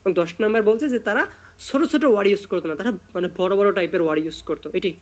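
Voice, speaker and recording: A male tutor giving an online class lecture. He reads out points slowly, then explains them at length with frequent fillers and hesitations. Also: high-pitched, lo-fi sound. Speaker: literature tutor.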